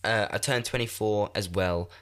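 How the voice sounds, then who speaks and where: Speaking at a normal pace, this twenty-something podcast host has a fairly low, slightly bright voice and a stuffed-up nose. Alone at a desk mic in his room in a shared house, he rambles, swears, and pokes fun at himself.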